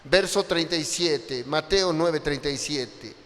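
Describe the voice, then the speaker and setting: A man with a Mexican Spanish accent preaching a Sunday sermon, impassioned and rising to loud cries. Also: on the high side, slow. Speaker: pastor. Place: church hall. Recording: long hall reverb.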